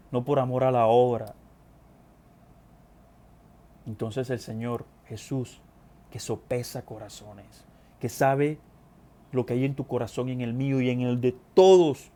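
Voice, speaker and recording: A man's voice: mid-range voice, mellow. A man preaching a sermon, reading scripture and speaking earnestly to his listeners, repeating phrases for emphasis. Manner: addresses brethren directly.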